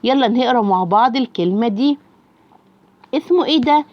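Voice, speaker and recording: A young woman with an Egyptian accent teaching Arabic reading, drawing out letter sounds slowly and praising the child. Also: a little high, expressive, dry recording, lo-fi sound. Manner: slow, drawn-out letter sounds when modeling.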